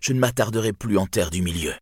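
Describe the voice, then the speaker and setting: A man's voice: lowish voice, animated, fast, slightly rough, no room sound, studio quality, voice pushed up. A man voicing a frantic, despairing young woman in an audiobook, crying out in anguish. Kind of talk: audiobook reading.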